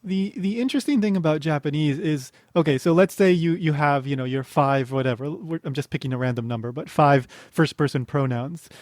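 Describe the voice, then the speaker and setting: A man's voice: on the high side, brisk, few pauses, a little mellow, no echo. A man interviewing in a casual, informal way, thinking aloud as he frames his points.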